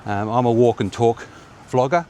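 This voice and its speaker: An Australian man in his fifties walks a quiet, sunny suburban street, vlogging in a rambling, chatty way with plenty of fillers. His mid-range voice is mellow and steady at a moderate pace. Recorded on a phone or action camera at arm's length, with a little hiss or hum.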